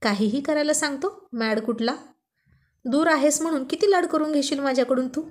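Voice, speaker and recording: A woman's voice: high voice, moderate pace, close to an everyday voice. A woman doing a feisty young wife. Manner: sulky, scolding.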